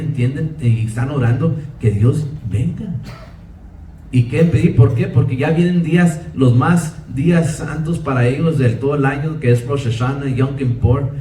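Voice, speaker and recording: Preacher, dark and roomy. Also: male voice, on the high side, slight background noise. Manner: preaching with repetition, switching between Spanish and English. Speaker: pastor. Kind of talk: bilingual sermon. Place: church sanctuary. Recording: roomy church sound from a distance.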